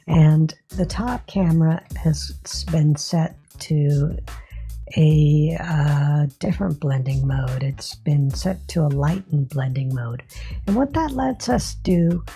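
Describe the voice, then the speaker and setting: A woman talking through a voice modulator, giving a casual, rambling product review full of fillers and pauses. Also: deep voice, mellow, soft background music. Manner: rambling, filler-heavy, halting.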